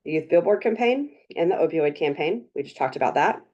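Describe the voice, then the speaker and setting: Woman w/ a low voice, talking through a meeting, lots of ums and restarts. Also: lively intonation, fairly quick, warm tone, highs cut off. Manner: chatty, upbeat, many fillers and restarts. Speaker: drug council coordinator leading a meeting. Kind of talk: meeting presentation.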